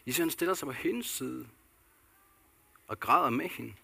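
Gravelly-voiced man preaching a sermon. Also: medium pitch, expressive, pushed and bright. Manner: earnest preaching with rhetorical questions and repetitions. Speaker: pastor.

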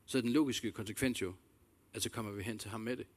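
A man preaching a sermon, earnest and reflective, repeating key phrases and addressing listeners directly with questions. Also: lowish voice. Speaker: pastor.

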